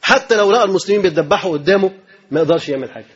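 A man preaches a sermon quickly in a high-pitched, husky voice with an Egyptian accent and lively intonation. He fires off rhetorical questions and repeats phrases emphatically, and the audio sounds dull and lo-fi.

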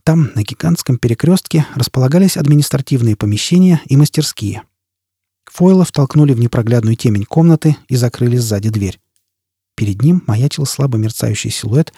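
A man narrating an audiobook in a measured, even reading. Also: mid-range voice, breathy edge, no echo, clean studio sound. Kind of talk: scripted narration.

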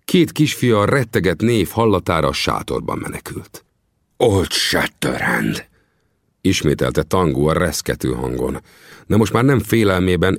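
Deep, gravelly male audiobook narrator. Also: dry recording, clean studio sound. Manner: expressive storytelling, lively adventure pacing. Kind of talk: first-person audiobook narration.

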